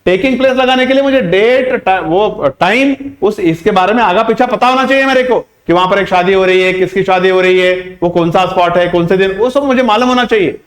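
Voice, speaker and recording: A man tutoring English vocabulary in Hindi, explaining each word and reading English example sentences slowly and deliberately. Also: high voice. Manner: emphatic, repeats points with rhetorical questions.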